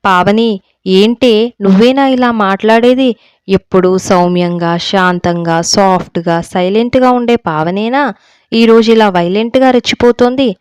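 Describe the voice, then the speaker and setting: A woman's voice: medium pitch, normal speed, a little mellow, smooth, no echo, close to an everyday voice. A woman voicing a timid, anxious young wife who pleads with her friend in a storybook reading.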